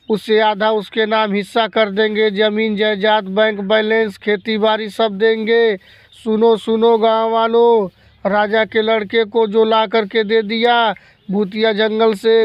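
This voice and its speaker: Picture a village crier in a homemade skit, drawing out each word as he proclaims a reward as a man plays him. The voice is high and smooth with very little rise and fall, and the sound is dry and close. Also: dry recording, highs cut off. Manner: slow, drawn-out proclaiming.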